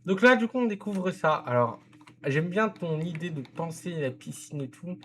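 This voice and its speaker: A man's voice: on the high side, expressive, moderate pace, a bit bright. A man casually commenting on a zoo-building game, giving direct advice to the viewer and often correcting himself. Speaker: game content creator reviewing a viewer's zoo.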